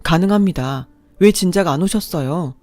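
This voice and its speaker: A woman's voice: fairly low pitch, moderate pace, warm tone, no room sound, soft background music, natural voice. A woman voicing a sympathetic doctor who speaks in an earnest, regretful way.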